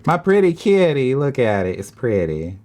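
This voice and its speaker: A man's voice: medium pitch, very animated, normal speed, a little mellow. A man streaming a game live, reacting openly and emotionally to the story.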